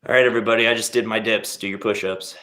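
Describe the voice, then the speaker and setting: Casual male streamer, lowish voice, rambling and jokey, roomy echoey home setup. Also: steady tone, very fast, pushed and bright. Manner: laid-back, rambling, jokey encouragement. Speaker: livestream host leading a workout. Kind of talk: casual live-stream chat. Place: home workout space. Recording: roomy echo.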